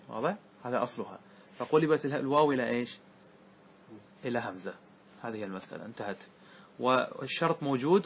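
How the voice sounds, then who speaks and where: A man, a sheikh, teaching a class on Arabic grammar, reciting verse slowly and checking whether students follow. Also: mid-range voice, a bit bright, slight background noise. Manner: asks students rhetorical checks like "clear?". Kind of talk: classroom lesson explaining verse.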